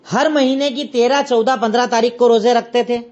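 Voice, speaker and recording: High-voiced woman teaching an Islamic lesson. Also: steady tone, a little mellow, dull audio. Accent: Indian Urdu. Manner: explains step by step, repeats references. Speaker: religious teacher.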